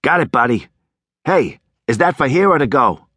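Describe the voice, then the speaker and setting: A man doing a husky, growling burly hot dog vendor. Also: medium pitch, very animated, moderate pace, fairly bright tone, no room sound, clean studio sound, pitched above the performer's own voice. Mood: gruff. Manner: growling, teasing. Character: burly gruff middle-aged male hot dog vendor. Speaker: street vendor.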